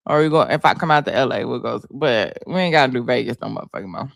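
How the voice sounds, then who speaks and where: A woman hosting a livestream, telling stories in a loud, laughing, profane way. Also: rumbling low, animated, quick pace, vocal fry, no room sound, clean studio sound. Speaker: livestream host. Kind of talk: casual livestream chat.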